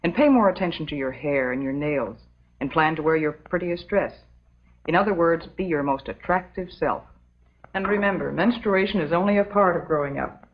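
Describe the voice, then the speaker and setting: Playing a calm, motherly substitute teacher, a low-voiced American actress delivers a scripted classroom lecture for an old educational film. The tone is patient and instructive, the manner prim and measured, and the recording dull and muffled.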